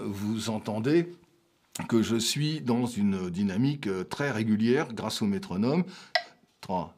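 Older man teaching jazz piano. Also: on the low side. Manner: loose, chatty explaining with sung note syllables and counting. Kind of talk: spoken piano lesson with playing. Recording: talk over loud piano playing.

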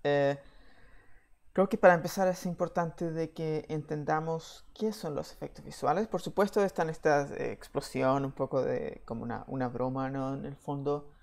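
A man from Chile giving a slide presentation from home, measured and pausing often with "eh" fillers. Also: fairly high pitch, vocal fry, darkish tone. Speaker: VFX software engineer giving a talk.

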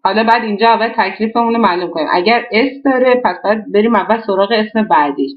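A woman's voice: medium pitch, echoey room, dull audio. A woman teaching a language lesson, explaining an exercise step by step and often asking and answering her own questions. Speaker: German teacher.

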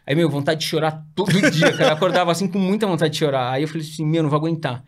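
A man rattles off his story at a rapid clip as a guest in a relaxed interview. His voice sits a little high for a man. He talks in slangy, self-mocking bursts full of fillers. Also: slight background noise. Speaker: guest entrepreneur.

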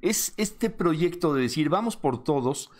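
An older man, a magazine director, interviewing a guest over a video call, asking long rambling questions with loud laughs. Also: on the high side, lively intonation, unhurried.

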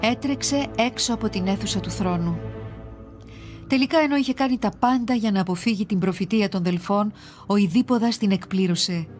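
A woman giving steady, measured scripted narration for a children's series on ancient myths. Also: mid-range voice, faint music behind.

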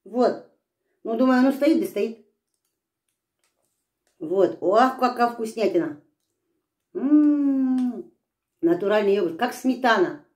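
A woman's voice: fairly high pitch, expressive, slow, pauses often, darkish tone. A middle-aged woman vlogger chatting through a mouthful of food as she tells a story while she eats. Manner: chatty, repeats "I say" when retelling. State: mouth full. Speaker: mukbang vlogger. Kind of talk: casual storytelling while eating. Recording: echoey room.

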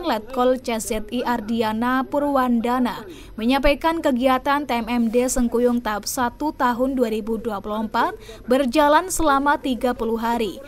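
Formal woman newsreader, high voice. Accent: Indonesian. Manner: formal, even newsreader delivery. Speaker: news presenter. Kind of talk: scripted news narration.

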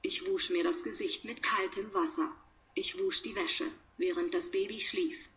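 A woman reads short example sentences aloud for a language lesson. She speaks slowly and deliberately, pausing between sentences. Her voice sits at an ordinary middle pitch. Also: a bit bright.

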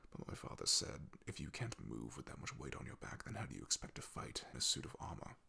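Playing a loyal, bashful young knight in fantasy ASMR, a man uses a very low, heavily gravelled voice with a very breathy, husky grain and big, exaggerated pitch swings. He is soft-spoken, hesitant and halting, awkward yet devoted, and the mood is wistful and reflective.

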